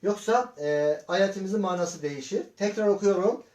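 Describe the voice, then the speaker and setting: A man teaching Quran reading in a slow lesson, sounding out syllables one by one and asking his students patient questions. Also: high voice, darkish tone. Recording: echoey room.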